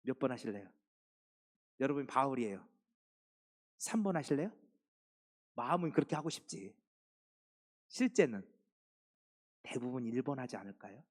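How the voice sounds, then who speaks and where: Brief: man, fifties, pastor preaching a sermon, animated rise and fall, questions the pews. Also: mid-range voice, moderate pace, long pauses. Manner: lively preaching that poses questions to the congregation.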